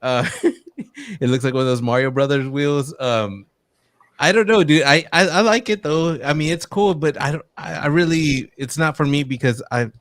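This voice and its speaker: A laid-back man on a casual gaming podcast who laughs easily as he chats. His voice sits a little high for a man and sounds dry and close, with no room around it. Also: animated, moderate pace, a bit bright, no echo. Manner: laid-back, laughs often, reads out comments. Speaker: podcast co-host. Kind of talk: casual chat.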